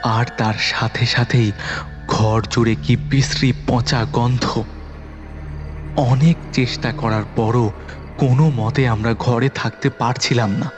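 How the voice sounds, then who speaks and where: A man tells a horror audio story in the first person, delivering it with suspense and drama. His mid-range voice keeps a steady tone and he takes his time. Background music plays under his voice.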